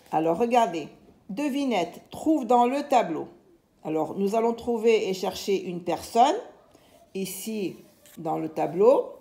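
A woman teacher giving a slow reading lesson to young pupils, saying each word with care and spelling out the letters. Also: mid-range voice, dark tone. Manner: slow, deliberate, over-articulated dictation.

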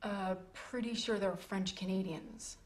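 An actress playing an officer who comments matter-of-factly on an interrogation from the side. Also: female voice, mid-range voice, fairly even intonation, unhurried, slight background noise, lightly acted. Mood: wry.

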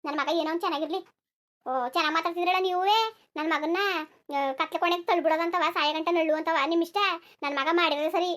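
A woman's voice: extremely high pitch, steady tone, quick pace, fairly bright tone. Woman voicing a pleading cartoon village mother. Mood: defiant. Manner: pleading, begging. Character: pleading village mother, tearful and devoted to her son. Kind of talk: cartoon dubbing.

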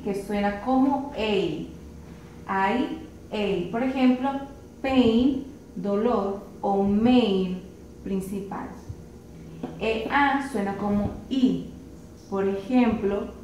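A woman teaching a pronunciation lesson, slowly spelling out letters and repeating each word with patience. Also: medium pitch, a little mellow, recorded from a distance. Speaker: English teacher. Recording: roomy echo, voice from afar, faint hiss.

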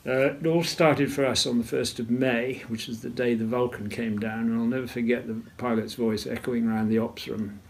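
An older man tells his story in an interview, unhurried and measured. His voice is gravelly and sits at a middle pitch, and he clears his throat often as he talks. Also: steady tone. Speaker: retired naval officer interviewee. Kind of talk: interview recollection.

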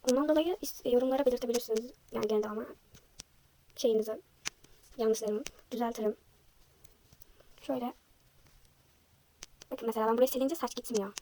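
A young woman vlogger chatting casually while she draws, self-deprecating and thinking aloud, her voice slightly hoarse from a sore throat. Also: fairly high pitch, warm tone, a little hiss or hum. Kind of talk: casual chat while drawing.

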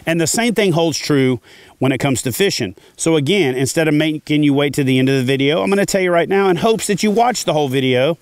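A man's voice: fairly high pitch, quick pace, dry recording. A middle-aged man teaching fishing gear to camera from a kayak on a lake, confident and plain-spoken. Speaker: fishing channel host. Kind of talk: instructional talk to camera. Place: outdoors, seated in a kayak on a lake.

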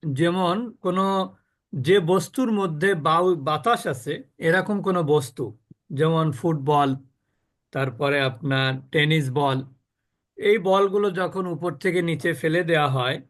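A man with a fairly high voice teaches a recitation class at an unhurried pace. He explains patiently with everyday examples and keeps checking that his students follow. He demonstrates pronunciation by drawing words out and repeating them. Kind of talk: live class on recitation rules.

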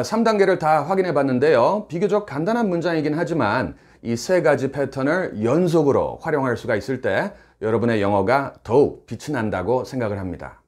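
Lively Korean man teaching English phrases. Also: mid-range voice. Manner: clear, emphatic explaining with English phrases spoken slowly. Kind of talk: scripted lesson narration.

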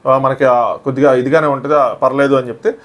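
Male recap host, middle pitch, rattles through the story at top speed, briefly acting out quotes. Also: fairly even intonation, fast talker. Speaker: reality show reviewer. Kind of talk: casual episode recap commentary.

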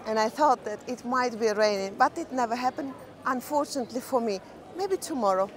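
A woman's voice: on the high side, animated, fairly quick. A woman co-hosting a travel vlog, chatting casually and searching for words as she walks along a busy outdoor harbour at night. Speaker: vlog co-host. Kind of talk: casual chat while walking. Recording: noisy crowd behind. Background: crowd chatter.

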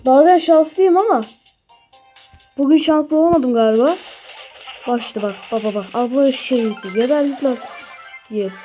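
A woman with a Turkish accent giving live commentary on her own gameplay, swearing and shouting at opponents. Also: high voice, unhurried, long pauses. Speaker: gaming channel host. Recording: faint game music behind.

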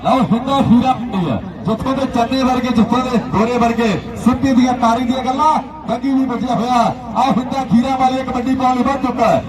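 A man's voice: very high voice, steady tone, fairly quick. A man giving frantic rural sports commentary on kabaddi, chanting names and repeated rhyming phrases. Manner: chanting, repetitive rhyming phrases and lists of players. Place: outdoor village sports ground. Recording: echoey outdoor PA, distant, crowd noise.

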